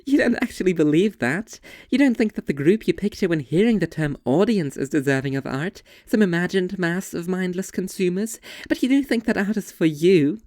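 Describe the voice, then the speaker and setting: A young adult woman, voiced by a performer, plays one of two intense, sardonic young women debating art, arguing in deliberate, articulate sentences with an argumentative, sardonic, opinionated edge. Her middling-pitched voice has lively intonation and a darkish, natural tone. It's scripted literary dialogue delivered like an argumentative monologue, recorded very dry and close with no echo.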